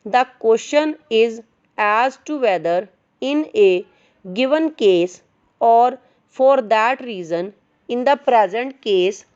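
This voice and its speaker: Female dictation teacher: higher-pitched, very unhurried, measured phrase-by-phrase formal reading. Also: animated, a little mellow, clean tone, highs cut off. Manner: dictation teacher's deliberate delivery in short phrases with pauses. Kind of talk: slow, measured legal dictation read aloud.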